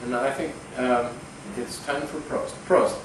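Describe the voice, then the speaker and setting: A man's voice: medium pitch, steady tone, unhurried. Laid-back man, roomy distant recording. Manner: laid-back, buddy-like banter. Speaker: co-host of a home cooking show. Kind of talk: casual chat. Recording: roomy, distant mic with background noise.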